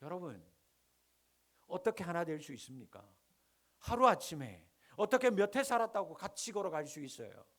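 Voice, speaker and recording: A middle-aged male pastor from the Gyeongsang region, preaching with rhetorical questions and sharp swings between loud and hushed lines. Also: high voice, big pitch swings, moderate pace. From Gyeongsang region, Korea. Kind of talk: sermon.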